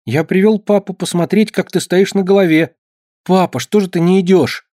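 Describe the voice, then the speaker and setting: A man voicing an excitable little farm boy who talks eagerly in a high, shrill voice. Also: normal speed, no room sound, studio quality, natural voice. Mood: earnest.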